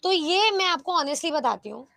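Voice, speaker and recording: A young woman teaching an online exam-prep class in a lively, coaxing way, often asking her students rhetorical questions. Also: extremely high pitch, a little fast, creaky, dry recording. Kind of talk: live online class, Hindi mixed with English.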